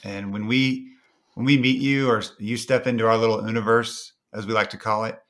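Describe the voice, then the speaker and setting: A man's voice: on the low side, steady tone, fairly quick, fairly bright tone. A man speaking as a podcast guest, confident and playful as he talks up his company. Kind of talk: casual interview chat.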